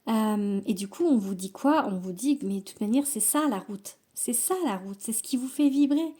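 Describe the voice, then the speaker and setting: A woman working as a medium, chatting casually to viewers while she reads tarot cards, reassuring them and often pausing with fillers and restarts. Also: medium pitch, animated, darkish tone, slightly rough. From France. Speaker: medium giving a tarot reading. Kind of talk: casual spoken card reading to camera.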